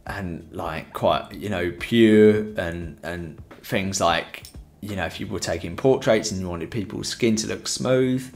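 A young man's deep, gravelly voice comes through a headset mic, a little slow and with few pauses, as he rambles through a casual photography tutorial from home. The live-stream chatter is thick with fillers.

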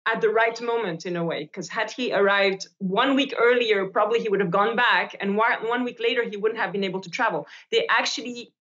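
A woman's voice: medium pitch, a little fast, few pauses, fairly bright tone. Swiss woman chatting on a video call, stops and restarts a lot, kinda dull lo-fi sound. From Switzerland. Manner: hesitant, repeats words while thinking. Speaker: actress guest. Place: bright room indoors by a window. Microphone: laptop camera on video call.

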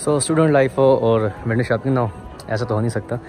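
Speaking quickly at medium pitch, a man in his 20s with a Pakistani accent vlogs casually to camera, explaining things with English words sprinkled in. He's a university student holding his phone at arm's length as he goes along city streets and through shops, with background music overlaid on the recording.

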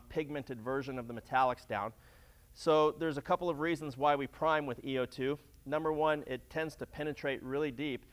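A middle-aged man giving a practical instructional demonstration, explaining as he works, with frequent fillers and restarts. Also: mid-range voice. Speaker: flooring demonstrator. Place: large warehouse floor, indoors.

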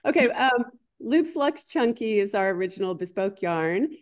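A woman's voice: mid-range voice, lively intonation, moderate pace. A woman co-hosting a livestream in a casual, chatty style. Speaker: livestream co-host.

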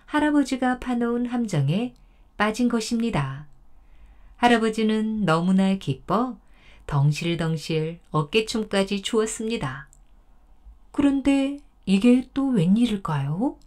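A woman storyteller narrating a folktale in a calm, gentle bedtime manner. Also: on the high side.

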